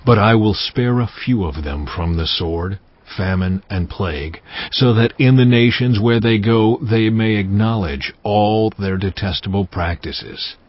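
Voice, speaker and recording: An actor playing a solemn, commanding God who pronounces judgment gravely and deliberately in a dramatized audio Bible. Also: male voice, lowish voice. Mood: stern, foreboding. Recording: muffled sound with music behind. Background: cinematic music.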